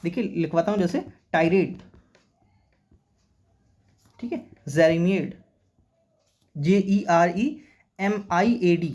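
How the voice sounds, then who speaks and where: His voice sits high and a little mellow, and he talks slowly with long pauses. He's an English teacher for competitive exams, patiently covering vocabulary and grammar, spelling some words letter by letter and checking in often with "okay".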